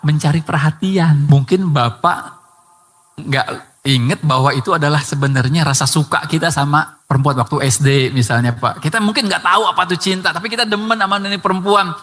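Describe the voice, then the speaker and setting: A man's voice: fairly high pitch, fairly bright tone. A man preaching a sermon who speaks straight to his listeners with rhetorical questions. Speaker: Islamic preacher. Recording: long hall reverb.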